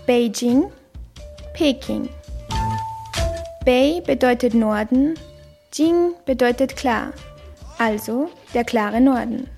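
A woman calmly narrating a scripted lesson, carefully demonstrating sounds. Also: a little high, faint music behind. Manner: slow, careful, demonstrates tones clearly. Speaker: language teacher.

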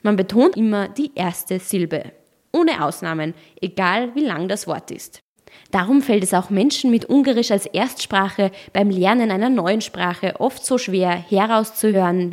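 A woman's voice: mid-range voice, measured pace, darkish tone. Woman narrating an explainer. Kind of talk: scripted documentary narration.

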